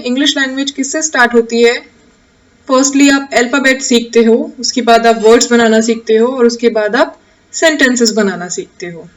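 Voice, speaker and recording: Slow Indian woman teaching grammar. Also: on the high side, far from the mic, low-quality recording. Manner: slow, repeats each English rule in Hindi and asks the class questions. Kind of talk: grammar lesson explained in Hindi and English.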